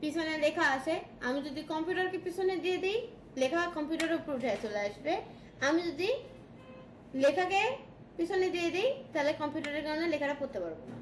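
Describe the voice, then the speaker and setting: High-voiced woman teaching in an echoey classroom. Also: animated, a little fast. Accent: Bangladeshi Bengali. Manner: checks in often with questions to students. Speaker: design tutor. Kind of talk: classroom software lesson. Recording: echoey room with background noise.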